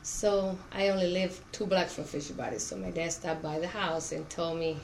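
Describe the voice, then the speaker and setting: In this oral history interview, the interviewee is a middle-aged Spanish-speaking woman from Cuba who works in an auto plant. She talks at a moderate pace in a lowish, steady voice. The recording is rough, with clearly audible background noise.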